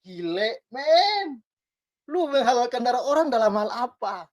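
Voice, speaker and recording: A woman's voice: fairly high pitch, sing-song, a little slow. Woman a lilt, wry commentary. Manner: reads text aloud then adds wry remarks, often asks "ya kan?". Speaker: commentator reading news and comments. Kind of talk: casual spoken commentary on a news item.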